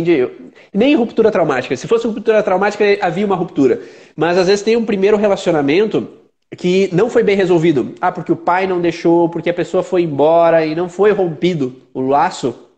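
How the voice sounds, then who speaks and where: Measured man explaining. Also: a little high, a little mellow. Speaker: therapist guest. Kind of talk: explanatory conversation.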